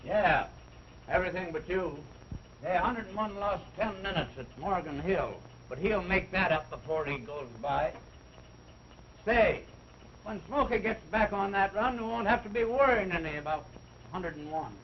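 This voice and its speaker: An actor playing a wisecracking male railroad worker with a gruff, joshing manner. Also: high-pitched, animated, moderate pace. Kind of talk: 1930s film acting. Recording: dull, hissy early sound film.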